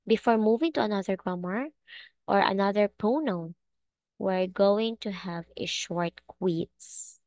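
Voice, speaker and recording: A woman's voice: medium pitch, measured pace, a little mellow. A woman teaching an online English class, speaking patiently and checking often that her students understand.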